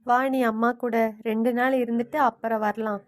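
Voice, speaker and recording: A woman's voice: on the high side, little pitch movement, fairly quick, a little mellow, dry recording, studio quality, lightly acted. A woman voicing a soothing cartoon mother. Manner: soothing, advising. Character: caring mother comforting her married daughter.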